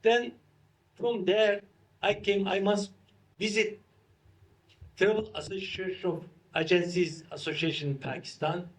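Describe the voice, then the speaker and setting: High-voiced man in halting English. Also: fairly even intonation, rough recording. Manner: halting non-native English in short phrases. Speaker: interview guest, institute founder. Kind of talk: unscripted interview talk.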